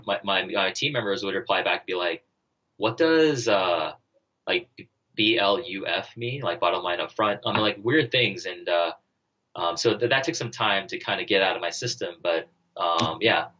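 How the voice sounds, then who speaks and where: On a career podcast, the guest, a former army officer now co-founding a startup, works out his conversational answers aloud in a strong, deep voice. He pauses often and fills gaps with plenty of "like" and "you know." The sound is slightly dull, with a little background noise.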